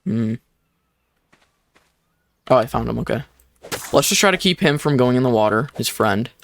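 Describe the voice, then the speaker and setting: A man's voice: mid-range voice, lively intonation, normal speed, creaky, slight background noise. A young man giving casual, chatty commentary while playing a survival game, explaining each step with plenty of fillers. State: short of breath at times. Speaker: gaming YouTuber. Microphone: desk microphone.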